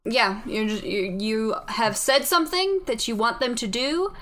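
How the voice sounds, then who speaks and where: A woman game master narrating a tabletop game in a loose, casual way. Her voice sits somewhat high, and she halts often with fillers. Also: a little slow, fairly bright tone.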